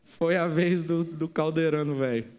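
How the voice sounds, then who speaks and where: Fairly high-voiced man preaching in church. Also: normal speed, smooth. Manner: animated storytelling, direct questions to the congregation. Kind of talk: sermon with personal story. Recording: long church reverb.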